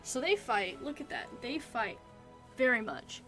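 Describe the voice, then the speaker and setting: A woman's voice: fairly high pitch, very animated, a little slow, over music. A woman casually improvising a story in a rambling, giggly, playfully mock-earnest way. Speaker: narrator pitching a made-up movie plot.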